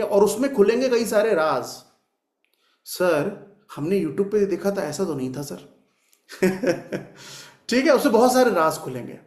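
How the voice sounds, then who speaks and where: A man teaching a numerology class, repeating sounds aloud to demonstrate and answering his own questions. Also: high-pitched. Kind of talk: classroom lecture. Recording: echoey room.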